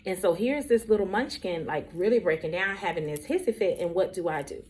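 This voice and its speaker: A woman's voice: fairly low pitch, brisk, a little hiss or hum. Chatty woman telling a classroom story. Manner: animated, chatty, addresses viewers directly. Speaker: teacher. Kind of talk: casual storytelling vlog.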